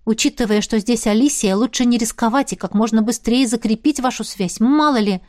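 A woman's voice: a little high, a little fast, darkish tone, lightly acted. A woman doing a bossy, preachy young girlfriend. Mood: lecturing. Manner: lecturing, mock-commanding.

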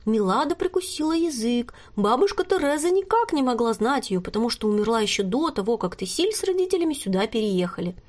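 A woman narrating a children's storybook in a lively, expressive reading. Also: fairly high pitch, fairly quick, hardly any pauses. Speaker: reader.

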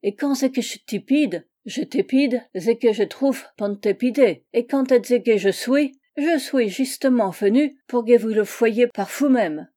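A woman reading a storybook voices a drunken, bullying male spirit with a thick German accent who slurs and mangles his consonants loudly. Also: a little high, measured pace, few pauses, pitched above the performer's own voice. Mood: blustering. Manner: slurred mangled consonants, loud and blustering.

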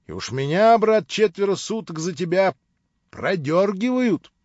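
A man's voice: high-pitched, animated, a little slow, a little mellow, no room sound, voice pushed up. A man voicing a jovial, roguish old friend who banters and teases. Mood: bantering. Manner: bantering, teasing. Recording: dull, dry recording.

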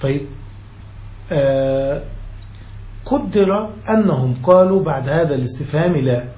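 Man, sheikh teaching grammar, slightly high voice, mellow tone, patient step-by-step explanation. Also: unhurried, reverberant, poor audio. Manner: explains step by step, keeps asking his students whether they follow. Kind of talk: classical Arabic grammar lesson.

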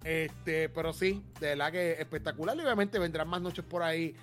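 Chill guy rambling about games, voice sits pretty high, faint music behind. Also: normal speed, fairly bright tone. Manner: laid-back, chatty, laughs often. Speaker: podcast co-host. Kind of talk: casual gaming chat.

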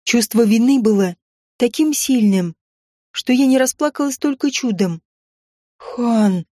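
A woman narrating a first-person audiobook in an expressive, even storytelling manner. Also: fairly high pitch, moderate pace, dry recording, studio quality.

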